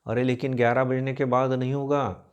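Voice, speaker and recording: A man's voice: medium pitch, flat delivery, normal speed, smooth, dull audio, close to an everyday voice. A man playing a gatekeeper in a told story who speaks curtly and in a businesslike way. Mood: brisk. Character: brisk male gatekeeper, matter-of-fact.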